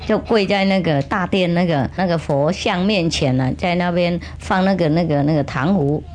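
A woman spiritual teacher telling a funny story to children in an animated, humorous way, with chatty asides. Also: fairly low pitch, normal speed.

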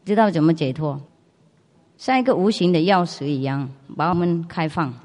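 A woman from outside China, whose first language isn't Mandarin, speaks simple Mandarin with a foreign accent as a spiritual master informally answering questions, often using rhetorical questions. Her voice is fairly low and darkish at normal speed, and the recording carries the long reverb of a large hall.

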